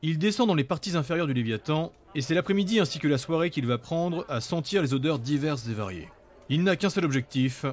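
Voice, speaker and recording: A man's voice: a little high, a little mellow. A man reading scripted narration for a fantasy audio story.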